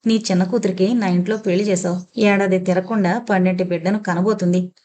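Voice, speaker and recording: A woman voicing a sharp-tongued, domineering elderly grandmother in an audio novel, scolding and sarcastic. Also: on the low side, fairly even intonation, a little fast, natural voice. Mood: persuading.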